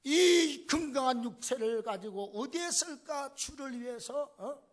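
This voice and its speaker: A pastor delivering a sermon with fervent, emphatic preaching. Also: male voice, very high-pitched, animated, measured pace.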